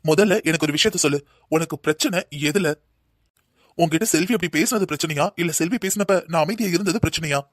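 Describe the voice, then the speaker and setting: A man's voice: fairly high pitch, fast, no echo, studio quality, close to an everyday voice. A man voicing a patient cartoon husband. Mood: calm. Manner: soothing, explaining. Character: calm patient young husband. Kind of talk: cartoon voice acting.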